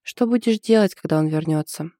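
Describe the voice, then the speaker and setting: A woman voicing a stern, practical older sister with a blunt, sharp-tongued manner. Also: deep voice, fairly quick, dry recording, studio quality. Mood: gentle.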